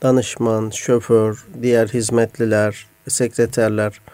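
A man in his forties with a gravelly voice, questioning and wry in a casual discussion. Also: fairly low pitch, little pitch movement, measured pace, a little mellow, no room sound. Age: 40s.

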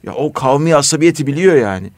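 A man in a casual discussion, telling stories in an earnest, animated way. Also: a little high, fast, no room sound.

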